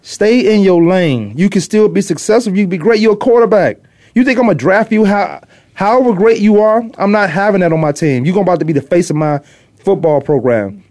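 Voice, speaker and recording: A middle-aged former pro defensive back from Virginia on the US East Coast hosts a casual sports talk show, opinionated and rambling, repeating himself for emphasis. His voice is high-pitched, expressive, a little fast and a little mellow, recorded dry.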